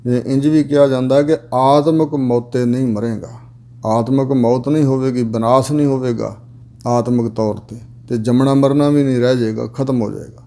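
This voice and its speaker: A man giving a sermon on scripture, slowing down to chant the verses and then explaining them in plain speech. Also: medium pitch, steady tone, mellow. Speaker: Sikh preacher giving scripture commentary.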